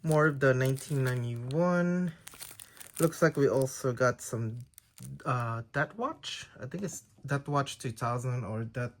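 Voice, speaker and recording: Speaking at a measured pace in a medium-pitched voice, a Tagalog-speaking man walks casually through his pile of trading cards as a collector, frequently uncertain about specifics. A faint hiss or hum sits under the audio.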